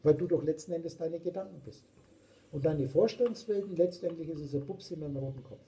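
Man, German accent, higher voice, very dark tone, emphatic spiritual lecture. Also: a little fast, low-quality recording. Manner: emphatic, preachy, repetitive. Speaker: spiritual teacher. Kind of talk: philosophical talk.

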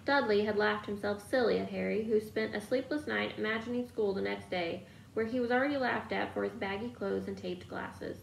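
Gravelly woman reading a story aloud. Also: medium pitch, a little fast, few pauses, roomy sound, slight background noise, low-quality recording. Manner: steady storytelling. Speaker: reader.

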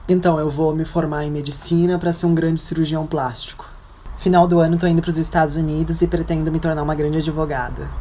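Low, quick-talking boastful woman. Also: little pitch movement, dark tone, a little hiss or hum. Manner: boastful, announcing plans. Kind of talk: comedy clip.

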